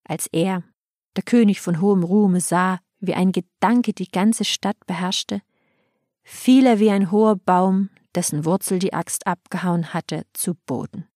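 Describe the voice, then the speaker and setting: A woman narrating an old epic as an audiobook in a solemn, measured storytelling manner. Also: lowish voice, darkish tone, no room sound, clean studio sound.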